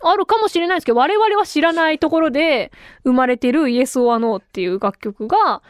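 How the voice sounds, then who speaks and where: A woman in her thirties hosting a casual solo podcast, chatty and animated, her voice a little tired from talking a lot. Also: sits high, brisk, dry recording, studio quality. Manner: chatty and animated, with frequent laughs. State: tired voice from talking too much. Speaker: radio and podcast host.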